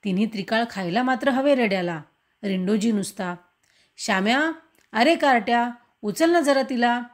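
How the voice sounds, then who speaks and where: A woman voicing a harried village mother who scolds her son in a sharp, raised voice. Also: a little high, expressive, normal speed. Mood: angry scolding.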